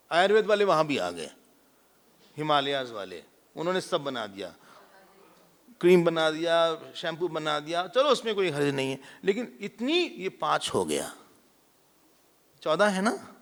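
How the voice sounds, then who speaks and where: A man leads a spiritual discourse in a lively, joking way, often slipping into the voices of ordinary people. His voice sits somewhat high and swings widely in pitch. The sound carries a long reverb from a large hall. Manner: animated, mimics everyday people, mixes English words. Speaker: swami giving a scripture discourse.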